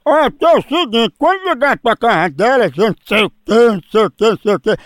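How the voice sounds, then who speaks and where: A man's voice: sits high, animated, fast, no room sound. A man making a prank phone call, teasing and mock-serious as he draws out his accusations. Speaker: prank caller.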